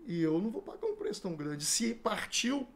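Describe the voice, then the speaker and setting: Gravelly high-voiced Brazilian pastor storyteller. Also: male voice, fairly quick. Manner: animated storyteller acting out dialogue. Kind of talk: telling his life story in a podcast interview.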